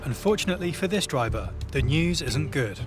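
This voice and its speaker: A man's voice: on the high side, lively intonation, a little fast. A man reading scripted documentary narration. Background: loud music.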